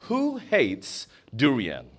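A man's voice: medium pitch, wildly swooping pitch, drawn-out words. A man preaching a sermon in a church or conference hall, asking the congregation questions as he goes.

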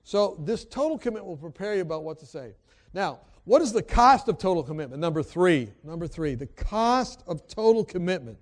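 A man's voice: high-pitched, very animated, fairly quick. Man preaching a story-filled sermon. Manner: acts out quoted people in dialogue; swings between loud emphatic and quiet hushed delivery.

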